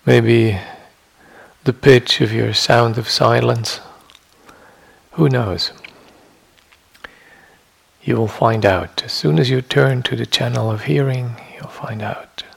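A man teaching a guided meditation in a meditation hall, speaking in measured short phrases with long pauses and a husky, gravelly voice. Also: medium pitch, fairly even intonation.

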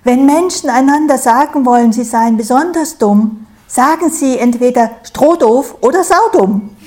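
A woman voicing a proud, touchy little piece of straw in a storybook fable, with a piping, squeaky voice and an indignant, defiant way of talking. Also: unhurried, darkish tone.

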